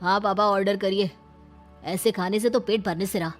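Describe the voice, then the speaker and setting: A woman's voice: mid-range voice, fairly even intonation, moderate pace, soft background music, close to an everyday voice. A woman voicing a domineering, sneering young husband who barks orders in a cartoon story. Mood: scornful. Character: domineering, scornful young husband, a spoilt angry son.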